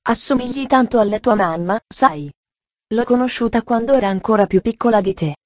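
A woman's voice: fairly high pitch, fairly quick, no room sound, lightly acted. A woman voicing a shy old gardener. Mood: tender. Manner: timid and gentle.

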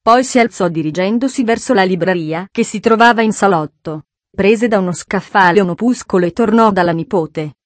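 A woman narrating a children's story in a calm, even storytelling manner. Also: mid-range voice, moderate pace, dry recording. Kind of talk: audiobook narration.

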